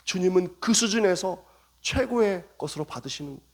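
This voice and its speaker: A man's voice: high-pitched, expressive, normal speed. A male pastor preaching a revival sermon in a church, acting out dialogue in shifting voices. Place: church sanctuary.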